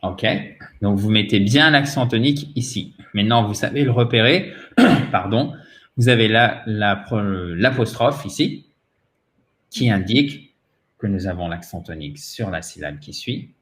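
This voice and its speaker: A man's voice: lowish voice, lively intonation, a bit bright, reverberant. French-accented man teaching pronunciation. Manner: patient, repeats words slowly for drilling. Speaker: English teacher. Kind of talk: pronunciation lesson.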